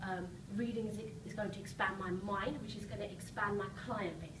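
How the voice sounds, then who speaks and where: A brisk woman with a medium-pitched, steady voice gives a motivational seminar talk as a coach before a live audience. Her message is rousing and emphatic, punctuated by brief check-in questions. The audio is distant, with roomy echo and a noisy background.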